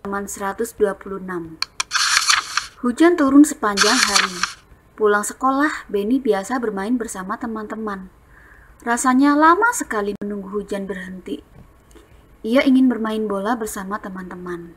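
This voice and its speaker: A woman's voice: medium pitch, normal speed, pauses often, very noisy. A woman primary school teacher from Indonesia giving a recorded lesson to young children, explaining patiently and drawing out her words.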